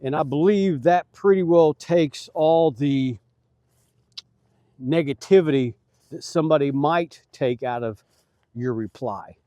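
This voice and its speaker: Middle-aged man, beekeeper, folksy and earnest, mellow tone, dry close sound. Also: fairly high pitch, takes it slowly, no echo, highs cut off. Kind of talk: casual vlog talk. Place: outdoors at beehives.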